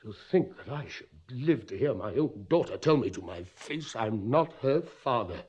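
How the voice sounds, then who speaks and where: An actor playing an anguished middle-aged cavalry captain, tormented and suspicious, in a 1950s radio drama with impassioned, bitter delivery. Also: male voice, mid-range voice, expressive, normal speed, a little mellow, breathy edge.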